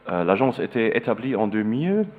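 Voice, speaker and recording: A man from East Germany lecturing in French as a non-native speaker, with a German accent, halting as he searches for words. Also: on the low side, very animated. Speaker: visiting architect lecturer. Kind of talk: public lecture with slides. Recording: narrow, phone-like sound.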